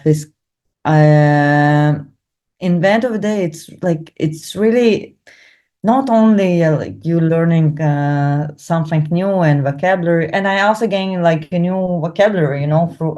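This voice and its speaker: Speaking halting non-native English in a low, mellow tone, this woman describes the Hebrew class she's taking during a relaxed testimonial interview. Neither English nor Hebrew is her native tongue, so she hesitates, hunts for words, and leans on fillers.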